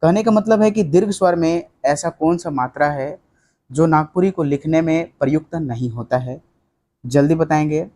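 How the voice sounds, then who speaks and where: In a chatty exam-prep lesson, a young man with a fairly high, dark voice works through quiz questions at a moderate pace. He keeps saying "ठीक है," tosses rhetorical questions at the students, and mixes English words into his speech.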